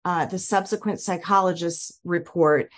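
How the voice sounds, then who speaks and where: Attorney: woman, lowish voice, formal, firm and measured, remote hearing. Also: fairly even intonation. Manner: measured, assertive, argumentative. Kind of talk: formal legal statement.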